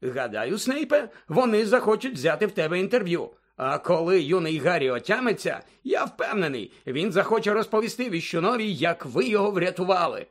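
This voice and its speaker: A man's voice: sits high, lively intonation, brisk, few pauses, voice pushed up. A man voicing a pompous, boastful middle-aged male minister in an audiobook. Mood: gloating. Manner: pompous, self-satisfied, raised voice.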